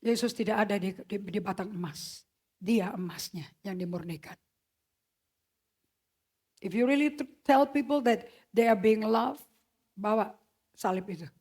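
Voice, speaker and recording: A woman's voice: medium pitch, measured pace, long pauses, a little mellow, husky. A woman preaching a sermon, emphatic and slipping English phrases into her talk. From Indonesia.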